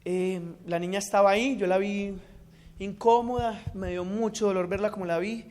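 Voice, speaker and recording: High-voiced man giving testimony. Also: steady tone, normal speed. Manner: earnest, shifting between loud and hushed. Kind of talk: emotional religious testimony.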